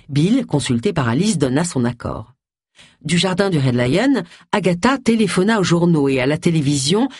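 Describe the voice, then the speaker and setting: An audiobook reader giving expressive scripted narration close to the mic. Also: medium pitch, breathy edge, dry recording. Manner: expressive storytelling.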